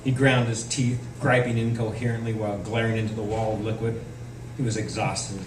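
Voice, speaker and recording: This man, a novelist, reads narrative prose from his book at a live event indoors, using a low, level voice at a fairly quick clip. Sound was captured by a far-off mic in a noisy room full of echo.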